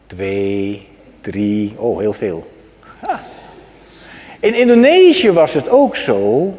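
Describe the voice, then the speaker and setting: A man preaching a sermon to his congregation. He asks them questions and moves between loud exclamations and soft asides. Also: medium pitch. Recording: long hall reverb.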